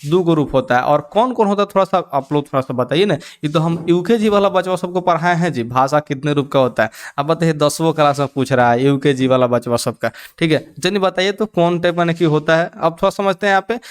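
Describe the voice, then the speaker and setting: A man's voice: on the high side, clean tone. A young man teaching an exam-prep lesson. He keeps asking his students to repeat the answer back and drops joking asides in local dialect. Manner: call-and-response questioning with "kya ho jayega ji?".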